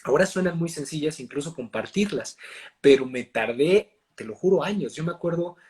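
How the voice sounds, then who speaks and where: Man, Mexican accent, fairly high voice, animated, explanatory, interview guest. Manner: animated, explanatory, fast shifts in pitch and loudness. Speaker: acting and voice coach, guest. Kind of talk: casual interview chat.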